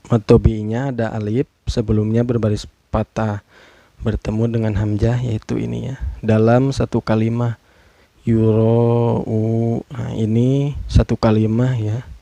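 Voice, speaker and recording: A man's voice: lowish voice, little pitch movement, unhurried, vocal fry, mellow, no echo. A man teaching Quran recitation rules, patiently spelling out each rule and stretching words to demonstrate. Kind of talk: tajwid lesson with slow demonstrative recitation.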